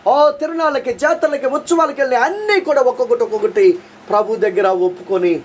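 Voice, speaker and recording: A man's voice: extremely high pitch, brisk, a little hiss or hum. A man preaching a testimony sermon, telling his story dramatically with repeated phrases and earnest, pleading prayers. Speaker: preacher giving a personal testimony.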